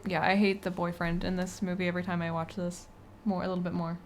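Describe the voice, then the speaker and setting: A woman co-hosting a podcast, chatting casually about movies in a soft, hedging way. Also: on the low side, level tone, fast talker, slight background noise. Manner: soft-spoken, trails off, hedging. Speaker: podcast co-host. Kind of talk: casual movie review chat.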